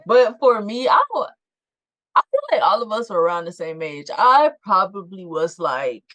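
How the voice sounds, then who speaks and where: A woman's voice: mid-range voice, big pitch swings, normal speed, sharp tone, dry recording. A woman in her thirties, a podcast co-host, chatting casually and making wry, laughing commentary. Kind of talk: casual chat.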